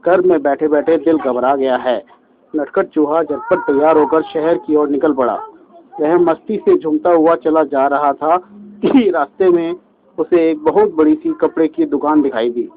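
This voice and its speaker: Man narrating a children's tale, expressive, high voice, tinny phone-like sound. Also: unhurried. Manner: lively, expressive storytelling addressed to children. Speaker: storyteller.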